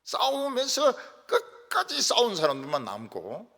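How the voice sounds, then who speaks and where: Animated older pastor in a reverberant church. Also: male voice, very high voice, unhurried. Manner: animated storytelling, acts out quarrels in regional dialects. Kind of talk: sermon. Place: church sanctuary.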